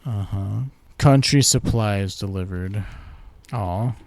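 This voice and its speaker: A man giving casual commentary while playing a game, reading quest lines aloud in a livelier voice and dropping to quiet offhand remarks, close to his mic. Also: lowish voice, slow pace, vocal fry, no echo. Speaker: gaming commentator. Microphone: close desk microphone.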